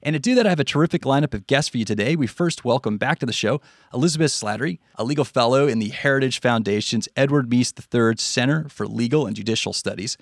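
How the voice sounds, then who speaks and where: A man's voice: mid-range voice, quick pace, no echo, studio quality. A man with an American accent hosting a podcast from a script. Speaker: stand-in podcast host.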